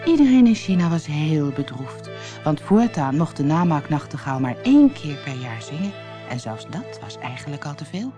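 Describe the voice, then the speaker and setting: Low-voiced woman reading a fairy tale. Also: moderate pace. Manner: expressive, clear, storytelling. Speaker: audiobook reader. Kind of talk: storybook narration. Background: soft music.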